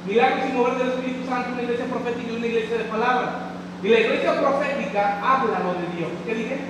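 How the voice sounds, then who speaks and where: A man's voice: very high voice, quick pace, background noise. A male pastor preaching a rousing sermon, calling out to his congregation in a large church. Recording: echoey hall, far from mic. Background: congregation shouting amen.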